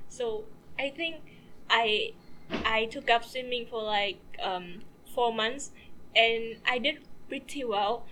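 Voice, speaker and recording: Woman, from Vietnam, podcast guest, casual chat, easygoing, slightly high voice, faint background noise. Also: slow, bright, forceful tone, poor audio.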